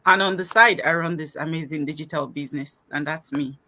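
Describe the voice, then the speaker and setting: Calm, bright-voiced woman. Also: low-pitched, fairly quick. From Nigeria. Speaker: guest panelist, nurse.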